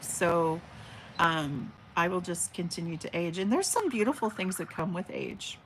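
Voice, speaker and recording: Reading out viewer comments on her livestream, a host in her forties uses a big teacher voice that is fairly low, animated, and a little slow. She sits by an open window at home with birds audible, talking chattily and affectionately with many fillers and restarts, on poor audio with a little hiss or hum.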